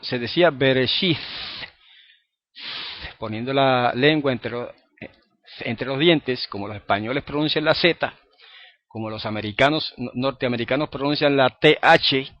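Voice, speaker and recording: A man's voice: medium pitch, measured pace, pauses often, no room sound. Guy teaching a lesson, patient, keeps asking ok, dry dull lo-fi sound. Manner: explains patiently, checks in with "¿ok?" and "¿verdad?". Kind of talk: recorded lesson.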